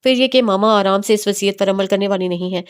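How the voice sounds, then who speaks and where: A woman voicing a young man in a romance novel, calm and lightly teasing as he persuades. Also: medium pitch, fast talker, smooth, lightly acted. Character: young man, teasing yet steady heir.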